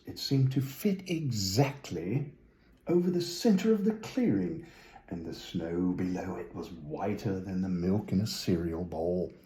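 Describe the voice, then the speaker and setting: Mellow, slow-paced man reading a children's story. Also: lowish voice, echoey room. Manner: whimsical, musing asides to the listener. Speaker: storybook reader.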